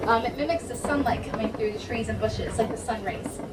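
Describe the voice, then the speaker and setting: Woman tour guide, high-pitched, live safari ride commentary heard from far off over a roaring truck. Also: fairly quick. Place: outdoors on a moving open safari truck. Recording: distant PA voice under loud truck noise.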